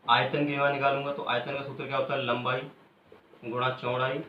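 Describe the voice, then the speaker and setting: A male teacher giving a classroom lecture who keeps asking questions and pauses for students to call out the answers, then repeats the key terms slowly. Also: medium pitch, level tone. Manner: quizzes students, pausing for them to finish answers. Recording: echoey room, muffled, faint hiss.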